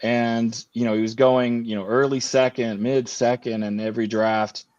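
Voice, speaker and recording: A man's voice: medium pitch, little pitch movement, moderate pace, darkish tone, no room sound. A man chatting casually as a podcast guest, circling back on his own words with frequent fillers and restarts. His voice comes through dull and lo-fi over a video call. The sound is dry, with no room around it. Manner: rambling with many restarts and fillers. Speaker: guest fantasy football player. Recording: dull lo-fi remote audio.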